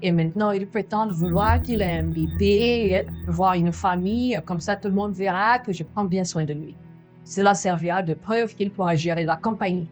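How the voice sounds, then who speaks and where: A woman's voice: mid-range voice, normal speed, a little mellow, close to an everyday voice. Actress as an exasperated young woman in a mid-range voice, faint music underneath. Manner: exasperated, complaining. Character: young woman in a pretend marriage, frustrated. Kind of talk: French film dub.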